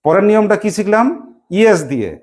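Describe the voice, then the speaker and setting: A woman teaching an English grammar lesson to a class, asking quick questions and spelling words out letter by letter. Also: mid-range voice, expressive, a little mellow.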